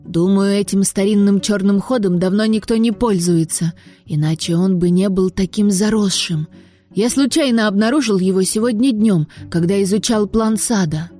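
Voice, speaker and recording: A woman voicing a clever, shy young boy in glasses who speaks in a hushed, explaining way in a storybook reading. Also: mid-range voice, moderate pace, faint music behind, natural voice.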